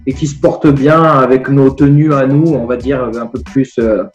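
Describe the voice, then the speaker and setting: A man's voice: medium pitch, fairly even intonation, normal speed, reverberant, highs cut off, faint music behind. A man who is a regular on a chat show, talking casually over a video call with many fillers. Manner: easygoing, hesitant with fillers.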